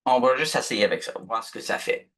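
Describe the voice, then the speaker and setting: A man's voice: mid-range voice, lively intonation, a little fast, fairly bright tone. A man teaching a live online workshop, patient and chatty, checking in often with his class. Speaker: instructor.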